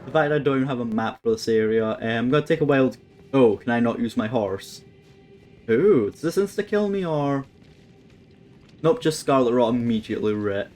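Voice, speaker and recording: A man's voice: medium pitch, expressive, moderate pace, a little mellow, soft background music. Wry man commentating a game. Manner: wry, swears at the game, thinks aloud. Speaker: gameplay commentator. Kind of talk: casual let's-play commentary. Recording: faint background noise.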